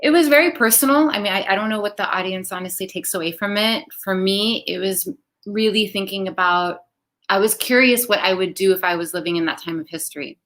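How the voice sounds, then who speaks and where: A woman's voice: mid-range voice, brisk, fairly bright tone. A woman filmmaker answering at a panel Q&A in a thoughtful, reflective way. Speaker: filmmaker guest.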